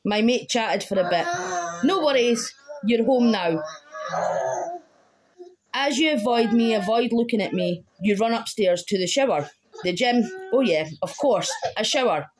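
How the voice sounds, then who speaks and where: A woman reading poems aloud as a guest in a steady, rhythmic way with a wry edge. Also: a little high, measured pace. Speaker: guest poet. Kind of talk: reading her own poem aloud.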